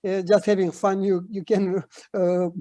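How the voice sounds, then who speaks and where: Halting Romanian-accented man, mellow voice. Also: sits high, little pitch movement, no echo. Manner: halting, searching for words. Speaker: interview guest, runner. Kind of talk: casual interview chat.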